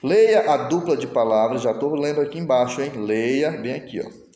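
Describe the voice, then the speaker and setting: A man's voice: medium pitch, expressive, normal speed, warm tone. A male teacher, patiently explaining a lesson step by step and voicing his students' questions himself. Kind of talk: recorded online lesson. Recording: echoey room with long reverb.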